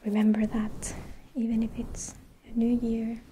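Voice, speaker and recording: A woman giving a whispered ASMR pep talk, hushed and breathy, gently reassuring with soft pauses. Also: on the high side, monotone, a little hiss or hum. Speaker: ASMR host.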